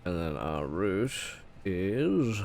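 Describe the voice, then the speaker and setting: A man's voice: deep voice, big pitch swings, drawn-out words, creaky, a little mellow, a little hiss or hum. A man streaming a flight simulator with casual commentary, muttering to himself and swearing freely. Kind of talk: casual livestream gameplay commentary.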